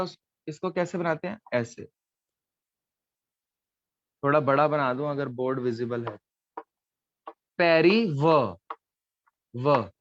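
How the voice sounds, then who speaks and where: Male teacher, patient step-by-step explainer, slightly raised pitch, dry dull recording. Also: slight background noise. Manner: patient, explains step by step, checks with "theek hai". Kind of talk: online Gurmukhi lesson at a board.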